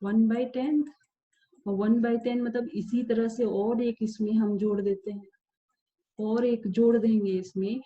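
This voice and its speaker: A woman explains a math lesson at a slow, unhurried pace and keeps stopping to ask whether the listener follows. She repeats key phrases and counts items out one by one. The recording sounds dull and lo-fi. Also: on the high side, fairly even intonation, dark tone. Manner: patient, checks understanding with repeated questions. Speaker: math teacher.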